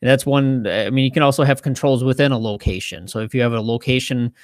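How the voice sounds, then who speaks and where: A man co-hosting a podcast, explaining his points in a measured, relaxed way. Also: mid-range voice, dry recording, clean studio sound. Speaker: podcast co-host. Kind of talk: casual podcast chat.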